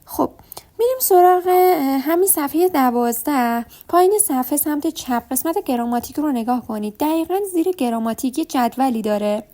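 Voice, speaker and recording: A woman teaching a beginner language lesson with a fairly high but soft, mellow voice. She explains patiently, one step at a time, and says each sound slowly more than once so learners can follow. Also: lively intonation.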